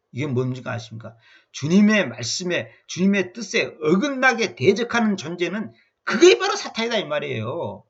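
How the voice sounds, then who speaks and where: A man giving an expository Bible lecture in an emphatic way, repeating words and acting out quotes with sudden jumps in pitch. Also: fairly bright tone, highs cut off. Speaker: Bible teacher.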